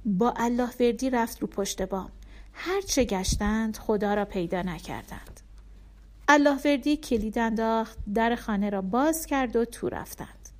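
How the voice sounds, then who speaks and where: Woman reading a children's story aloud. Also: fairly high pitch. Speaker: audiobook narrator. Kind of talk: storybook narration.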